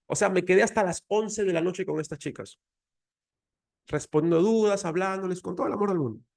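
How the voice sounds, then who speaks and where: A man's voice: high-pitched, fairly quick, creaky, a little mellow. A man with a Mexican Spanish accent giving an emotional, earnest faith talk, telling a personal story. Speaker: faith speaker.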